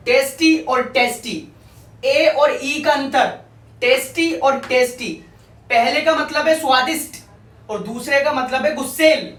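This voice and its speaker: A woman teaching English vocabulary in a language lesson, patiently repeating words and checking that the listener follows. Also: a little high. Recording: echoey room, voice from a distance.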